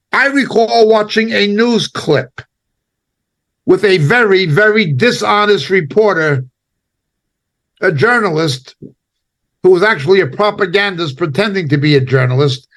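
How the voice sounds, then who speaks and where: A high, slightly bright male voice belongs to a preacher giving impassioned commentary. He sounds indignant and emphatic, speaking in short, halting phrases.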